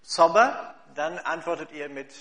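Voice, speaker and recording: Addressing a church congregation, a German charity head first interprets for a guest, then shares a story, chatting along with plenty of fillers. His voice is a little high and a bit slow, with lively intonation and a fairly bright tone.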